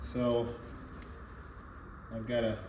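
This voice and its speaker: A man's voice: medium pitch, monotone, extremely slow, echoey room, background noise. A man talking to himself and his viewers while working on an old truck in his garage, casual and chatty. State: out of breath, coughing from dust. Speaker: YouTube garage host. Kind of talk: casual workshop vlog. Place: home garage under a truck.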